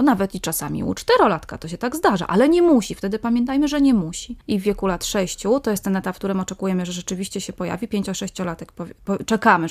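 A woman speech therapist talks as a radio guest, with a gravelly, creaky edge to her voice. She explains step by step in a patient way and circles back to repeat her main points. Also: mid-range voice. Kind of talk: expert explanation in a radio interview.

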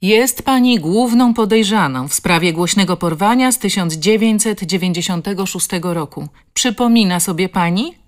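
A woman's voice: medium pitch, normal speed, few pauses, natural voice. A woman voicing a male police officer in an audiobook, speaking formally and firmly. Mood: official. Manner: formal, firm.

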